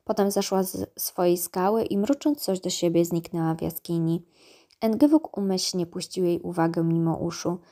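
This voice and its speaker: A woman's voice: on the low side, normal speed, mellow. Woman narrating a children's fantasy audiobook. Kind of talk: scripted narration.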